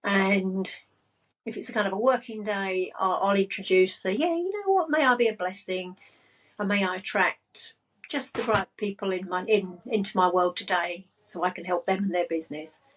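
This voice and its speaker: A woman with a soft, breathy voice talks at an unhurried, grounded pace. She speaks as a podcast guest and coach, calm and settled throughout. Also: medium pitch, poor audio. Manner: slow, calm and grounded delivery. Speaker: spiritual business and money coach, guest. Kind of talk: casual podcast chat.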